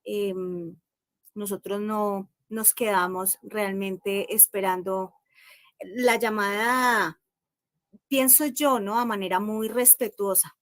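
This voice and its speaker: A Colombian woman speaking as a guest in a live-stream discussion, reflective and measured, with many pauses over a video call. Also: medium pitch, fairly even intonation, no room sound, studio quality. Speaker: panel guest.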